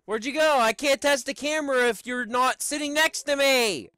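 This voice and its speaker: A middle-aged man doing Let's Play commentary on a headset mic in a small home room, exclaiming and shouting as he plays. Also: very high-pitched, normal speed, clear, resonant tone. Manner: excitable, exclaims and shouts while playing. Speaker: gaming YouTuber.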